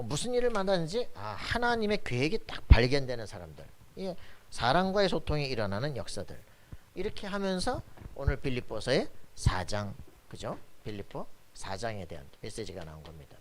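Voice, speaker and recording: A male pastor preaches a sermon emphatically and colloquially, making blunt asides and often asking his congregation for agreement with frequent "그죠?" tag questions. His mid-range voice swings widely in pitch at normal speed, with a little hiss or hum.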